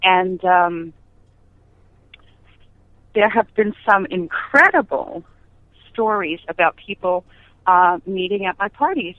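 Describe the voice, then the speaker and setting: A woman's voice: lowish voice, animated, slow pace, pauses often, a little hiss or hum. A middle-aged woman chatting as an interview guest, telling anecdotes in an emphatic way with rhetorical questions. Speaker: podcast guest, business founder. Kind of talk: conversational interview, anecdotal storytelling. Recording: tinny phone-line audio.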